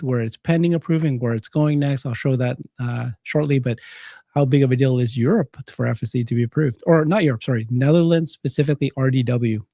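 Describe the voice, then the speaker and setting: A man hosts a live breaking-news show in a mid-pitched, mellow voice. He comments on announcements and brings in his guests. The sound is dry and close, with very little room. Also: dry recording.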